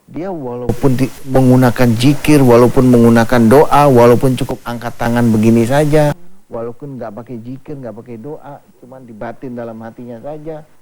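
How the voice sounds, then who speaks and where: A man in a TV talk show, explaining religious healing calmly and repeating his points with many fillers. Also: medium pitch, moderate pace. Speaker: Islamic healer and preacher.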